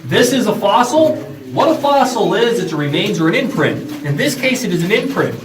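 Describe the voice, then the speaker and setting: A man's voice: high-pitched, sing-song, moderate pace, crowd noise. A man giving an explanatory, instructive guided tour commentary as a tour guide inside an underground mine tunnel. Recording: echoey, distant, noisy tunnel recording.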